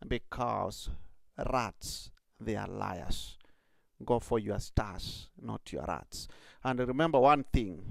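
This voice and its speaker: A man's voice: mid-range voice, vocal fry, no echo, studio quality. A man who is a priest, speaking earnestly to encourage young people, with many fillers.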